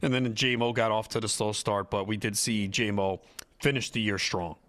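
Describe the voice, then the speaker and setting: A man co-hosting a fantasy football radio show, talking in a relaxed, conversational way with a dry streak. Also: lowish voice, moderate pace. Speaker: radio co-host. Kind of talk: casual sports radio chat.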